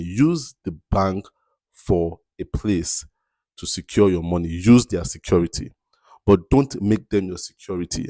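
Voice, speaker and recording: A man in his thirties hosting a podcast, speaking in a motivational monologue, repeating key phrases and slowing down to stress his points. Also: sits low, dark tone, no room sound. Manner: repeats key phrases, asks "you understand?". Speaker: podcast host.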